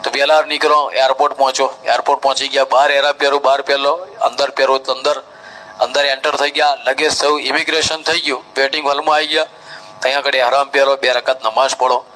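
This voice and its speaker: Bright-voiced Gujarati man giving instructions. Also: medium pitch, level tone, fast, low-quality recording. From India. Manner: instructive, step-by-step, mimics crowds. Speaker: Hajj trainer. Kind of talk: live training talk.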